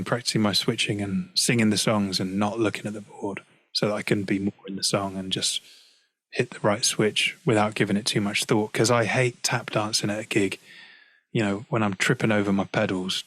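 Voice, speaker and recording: A man with a British accent, a guest singer-songwriter chatting casually in an interview from home, relaxed and quick to laugh. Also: on the low side, breathy edge. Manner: relaxed, chatty, laughs easily, frequent "you know". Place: at home practicing, on a call.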